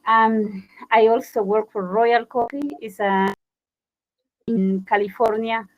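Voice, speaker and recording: A woman's voice: fairly high pitch, steady tone, slow. A woman from Honduras introduces herself as a panelist in a friendly, slightly hesitant way. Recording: dull lo-fi audio.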